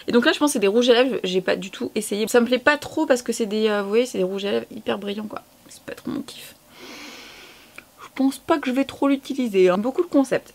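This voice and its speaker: A woman from France chatting casually in a beauty haul video, enthusiastic and fond of repeating words for emphasis. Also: a little high. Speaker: beauty vlogger.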